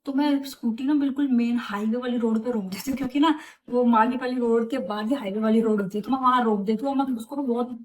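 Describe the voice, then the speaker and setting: A young adult woman telling a story in a casual vlog, chatty and animated, with English words mixed into her talk. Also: fairly high pitch, quick pace. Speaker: vlogger.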